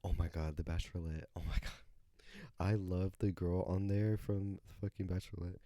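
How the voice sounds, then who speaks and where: Very deep-voiced man rambling casually. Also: little pitch movement, normal speed, warm tone, dry recording, clean studio sound. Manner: rambling, swearing, many fillers and self-corrections. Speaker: podcast host. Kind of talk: casual solo podcast chat.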